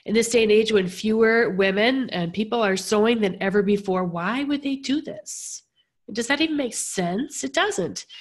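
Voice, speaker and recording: A woman podcast host with a gravelly voice, hoarse from being sick, talking casually and earnestly on a live stream. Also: on the high side. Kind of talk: casual live-streamed talk about sewing.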